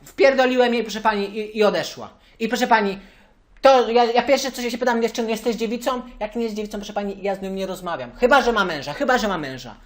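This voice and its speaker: A man's voice: sits high, fast talker, close to an everyday voice. A man voicing a hot-tempered young male churchgoer in a prank phone call, ranting and repeating the same phrase of address.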